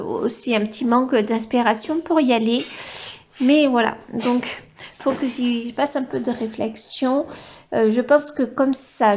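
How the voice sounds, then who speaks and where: A woman's voice: a little high, dull audio, a little hiss or hum. A woman vlogger chatting casually while she colors, hesitant and full of filler sounds, now and then cooing to her dog in baby talk. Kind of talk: casual coloring vlog chat.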